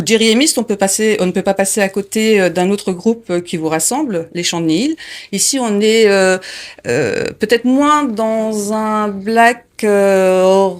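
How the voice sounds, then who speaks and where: Woman asking a band questions, slow and halting, lots of euhs. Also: mid-range voice. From France. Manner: hesitant, many pauses and fillers. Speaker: interviewer. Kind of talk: casual interview.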